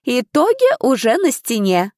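A woman voicing a stern female stewardess of a trial who scolds sharply and loudly. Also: on the high side, huge pitch swings, a little slow, dry recording, clean studio sound, pitched above the performer's own voice.

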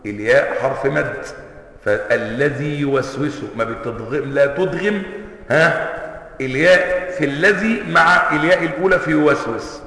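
A man with an Egyptian accent giving a religious lesson. He chants the recited examples and then quizzes his listeners with quick rhetorical questions. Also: on the high side, sharp tone. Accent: Egyptian Arabic. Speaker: sheikh teaching a classical text. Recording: echoey hall with long reverb.

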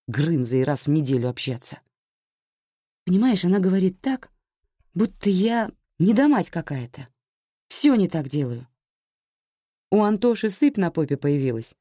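A woman reading a story aloud, voicing an exhausted young mother who pleads and then shouts in distress. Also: on the low side, no room sound, clean studio sound, voice pushed up.

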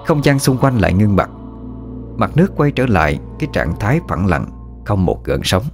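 Low-voiced man telling a ghost story. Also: big pitch swings, normal speed. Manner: dramatic, hushed suspense. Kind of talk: scripted ghost-story narration. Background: faint music.

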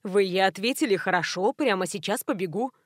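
A woman reading the part of a gangster's wife who answers in a flat, matter-of-fact, childlike way. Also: mid-range voice, brisk, no echo, clean studio sound, close to an everyday voice. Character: blunt gangster's wife, adult woman, unbothered. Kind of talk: audiobook character reading.

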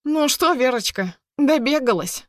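A woman voicing a smug, menacing man who barks orders in an audiobook, a little higher than her own voice. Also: animated, a little slow, dry recording, clean studio sound. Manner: barking, forceful.

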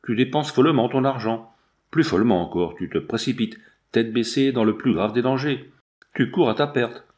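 A man's voice: medium pitch, moderate pace, darkish tone, close to an everyday voice. A man voicing a stern, worried old general in an audiobook, agitated and severe.

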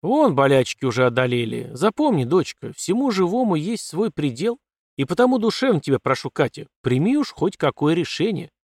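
A man voicing a gruff, stubborn old colonel and father, who growls and grumbles, in a dry recording. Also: a little high, sing-song, a little fast, a little mellow, no echo, voice pushed up. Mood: stern. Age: older. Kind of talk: audiobook character voice.

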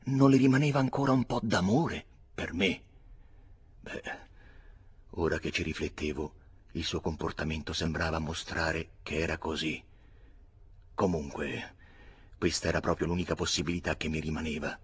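A man reading a novel aloud in dramatic, expressive first-person narration. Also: extremely low pitch, normal speed, long pauses, husky. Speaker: audiobook reader. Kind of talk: scripted literary narration.

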